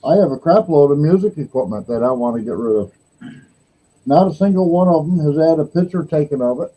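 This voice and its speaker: A man in his sixties hosting a casual chat, his voice pitched a little high but dark and mellow. He talks in a loose, rambling way and laughs easily. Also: a little fast, poor audio. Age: 60s. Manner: relaxed, rambling storyteller who laughs easily.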